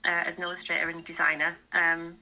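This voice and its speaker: A woman's voice: fairly low pitch, monotone, fast. A woman who illustrates books, chatting casually as a guest on a radio show over the phone, laughing easily. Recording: tinny phone line.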